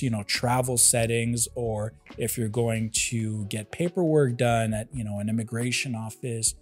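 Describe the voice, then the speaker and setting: A man's voice: mid-range voice, darkish tone, husky. A man giving a casual product review, explaining things step by step with examples. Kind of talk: casual review narration to viewers. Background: background music.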